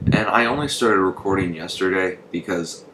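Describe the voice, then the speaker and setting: Young male gamer, deep voice, rambling and hesitant, echoey noisy room. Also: normal speed. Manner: rambling, hesitant, lots of ums and swearing. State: shivering from the cold. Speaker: gaming channel host. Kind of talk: casual gameplay commentary. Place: bedroom with a fan running. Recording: echoey room with loud noise.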